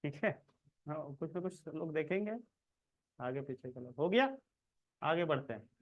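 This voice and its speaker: Guy teaching coding on screen, kinda high voice, keeps asking if you got it. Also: expressive, normal speed, dull audio. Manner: chatty, checks in often with the viewer. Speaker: programming tutor. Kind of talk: casual screen-recorded coding lesson.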